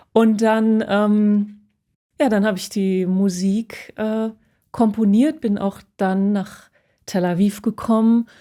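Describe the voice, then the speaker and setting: A woman musician speaks casually about her own experiences in an interview, sounding reflective and searching for her words. Her voice is mid-range and mellow.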